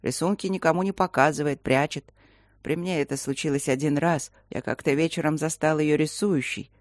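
A woman voicing a calm older man who speaks in a measured, concerned way. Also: sits low, dry recording, studio quality, close to an everyday voice.

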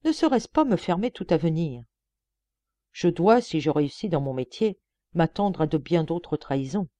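A woman's voice: low-pitched, lively intonation, normal speed, dark tone, dry recording. A woman voicing a shrewd, earnest young male police detective in a storybook reading, persuasive and emphatic.

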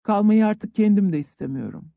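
A man voicing a bitter, grief-stricken young peasant conscript who breaks into furious shouting. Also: high-pitched, animated, a little fast, gravelly, dry recording, narrow, tinny audio. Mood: sorrowful.

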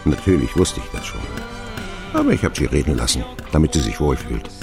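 Over music, an actor uses a rumbling low, exaggerated voice to play a middle-aged man wryly remembering his boyhood. The radio play's first-person narration is scripted, and he delivers it fairly quickly in a reminiscing, expressive storytelling manner.

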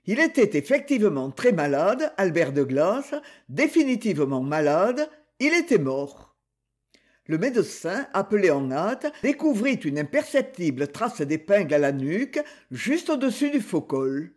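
Husky, animated male narrator. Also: high voice, unhurried. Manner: expressive storytelling. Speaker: audiobook narrator. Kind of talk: scripted narration.

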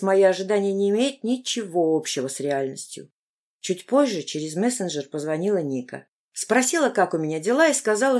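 A woman reading a first-person audiobook at a mid pitch. Her telling is expressive and intimate, as if confiding the story directly to the listener. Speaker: audiobook narrator.

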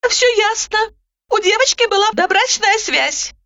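A woman voicing an excitable, bossy woman doctor who barks emphatic orders, on a dull lo-fi recording. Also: extremely high pitch, measured pace, no room sound, pitched above the performer's own voice, exaggerated voice. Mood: brisk.

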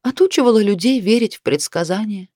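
A woman's voice: medium pitch, lively intonation, fairly quick, mellow, dry recording, studio quality, voice pushed up, lightly acted. A woman reading a weary, sighing clairvoyant woman. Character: weary middle-aged clairvoyant dental technician woman.

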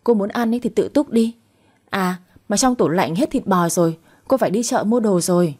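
A woman voicing a spiteful young wife who mocks and then wails in shrill complaint. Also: expressive, moderate pace, warm tone, breathy edge. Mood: mocking.

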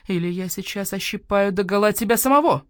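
A woman's voice: mid-range voice, brisk, dry recording, close to an everyday voice. A woman narrator plays a hard-boiled badger-cat policeman, curt and menacing. He barks demands and threats with no patience. The audiobook sound is dry and close. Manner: brusque, threatening. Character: tough badger-cat police officer, gruff, impatient. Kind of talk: audiobook character voice.

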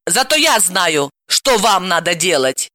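A woman playing hot-tempered young woman, shrill, scolding, lively swooping pitch, bright tone, dry sound. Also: unhurried, no echo, full character voice.

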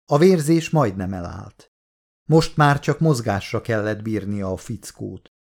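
A man reading a horror novel aloud as an audiobook narrator, steady and measured. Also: fairly low pitch, vocal fry.

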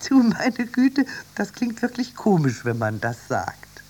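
Reader putting on a high, bubbly young girl, wide-eyed and chattering, children's radio story. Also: sing-song, slow pace, a little mellow, breathy edge, heavily acted. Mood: excited. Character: excitable young girl, brother's sister.

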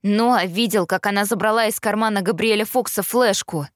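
A woman's voice: mid-range voice, normal speed, no echo, clean studio sound, lightly acted. A woman voicing a drained young man, a medium, who speaks in a strained, urgent way.

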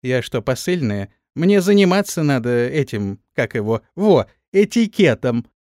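A man's voice: mid-range voice, sing-song, unhurried, darkish tone, dry recording, studio quality. A man voicing a brash, cheeky young elf girl in an audiobook, squealing and whiny.

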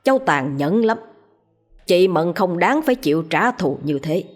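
Nữ đọc giả giọng thầy pháp lớn tuổi, khuyên răn trang nghiêm, giọng hơi trầm. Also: female voice, on the low side, big pitch swings, a little slow, faint music behind. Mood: stern, gentle. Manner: solemn, admonishing. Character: stern elderly male exorcist, calm and solemn.

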